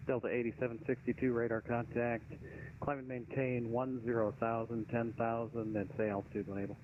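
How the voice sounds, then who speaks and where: A man's voice: mid-range voice, little pitch movement, fairly quick. A man working as an air traffic controller, giving procedural instructions over aviation radio. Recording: dull, noisy aviation radio.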